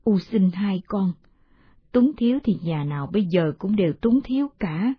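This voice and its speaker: A woman's voice: medium pitch, lively intonation, normal speed, husky, no room sound, dull audio. A woman voicing an elderly village mother-in-law who speaks plaintively and pleadingly, in a storybook reading. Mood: earnest.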